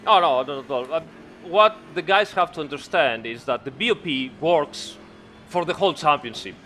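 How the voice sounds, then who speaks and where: A man's voice: fairly high pitch, expressive, normal speed, sharp tone. A man chatting casually as he drives in a sim race. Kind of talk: casual chat while racing. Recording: faint engine noise. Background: racing car sounds.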